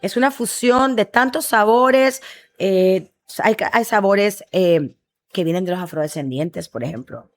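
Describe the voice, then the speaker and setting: A middle-aged Honduran woman who founded a restaurant is a guest in an interview, telling her stories with animated enthusiasm. Her voice is medium-pitched and a little slow.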